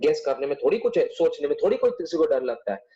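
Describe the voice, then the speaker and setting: Online tutor, young man, high voice, chatty and teasing. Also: big pitch swings, quick pace, warm tone, lo-fi sound. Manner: chatty, teasing, coaxing students. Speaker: commerce tutor. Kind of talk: live online class.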